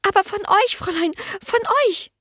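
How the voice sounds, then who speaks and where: A woman voicing a frightened young maid who stammers and pleads urgently in a high voice. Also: moderate pace, a bit bright, dry recording, clean studio sound. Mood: frightened pleading. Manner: breathless, stammering, urgent whispering. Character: panicky young maid, fearful and anxious.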